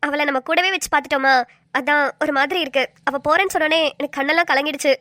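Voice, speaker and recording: A woman's voice: high voice, quick pace, pushed and bright, dry recording, studio quality. A woman voicing a worried, tearful young wife pleading with her husband in a cartoon. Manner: pleading, fretful.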